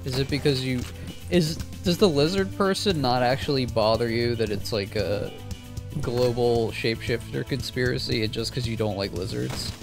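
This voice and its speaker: A man's voice: medium pitch, normal speed, gravelly, over music. A man streaming a shooter game, joking and swearing in casual chat with a friend.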